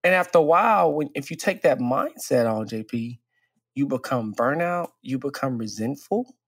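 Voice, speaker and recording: A man's voice: medium pitch, expressive, moderate pace, dry recording, studio quality. A man co-hosting a podcast, speaking emphatically in a preachy way and often checking in with "right?". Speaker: podcast co-host. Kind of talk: casual chat.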